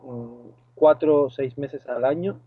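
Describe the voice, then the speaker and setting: Over a tinny phone line, a lifeguard and boat skipper from Argentina answers interview questions as a guest, hesitating and restarting often with many fillers. He has an Argentine Spanish accent and a medium-pitched, breathy-edged voice, speaking slowly. The recording is dry.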